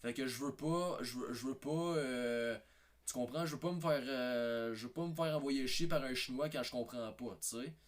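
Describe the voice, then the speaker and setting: A man's voice: mid-range voice, moderate pace. A man with a Québécois French accent telling a rambling comic anecdote, hesitant and repetitive, with many fillers and restarts. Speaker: comedy video maker.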